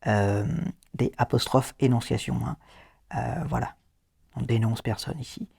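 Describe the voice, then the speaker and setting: Male host, mid-pitched, relaxed tutorial delivery with fillers and dry asides. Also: unhurried, creaky, breathy edge. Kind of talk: casual screen-reader tutorial.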